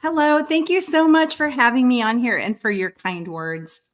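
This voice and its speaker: A woman guest on a podcast, answering in a relaxed, hesitant way with many fillers. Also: a little high, normal speed. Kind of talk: casual interview answers.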